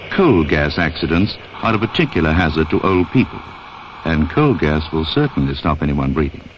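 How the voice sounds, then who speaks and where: With a bass voice and a sing-song lilt, this public information film narrator keeps a moderate pace over slight background noise. He delivers scripted 1960s instruction directly to the listener, and the soundtrack sounds dull and band-limited.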